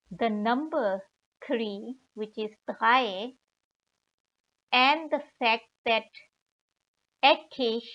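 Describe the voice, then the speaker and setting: A woman teaching German vocabulary in a tutorial, pausing often and sounding out each German word with care. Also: on the high side. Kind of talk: slow, deliberate tutorial explanation. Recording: slightly dull lo-fi recording.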